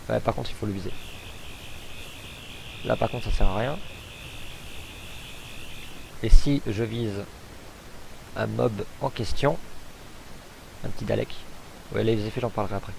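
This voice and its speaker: Casual gamer narrating gameplay. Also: male voice, on the low side, unhurried, creaky, long pauses, background noise. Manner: chatty, hesitant, thinks aloud with fillers. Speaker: gamer showcasing a mod.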